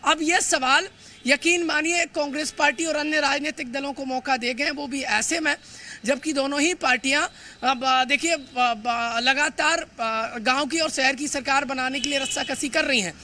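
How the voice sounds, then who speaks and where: A man reporting live for the news, emphatic and hurried, often stumbling over words and filling pauses. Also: very high-pitched, fairly even intonation, sharp tone, a little hiss or hum. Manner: fast, emphatic, with frequent stumbles and fillers. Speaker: field reporter.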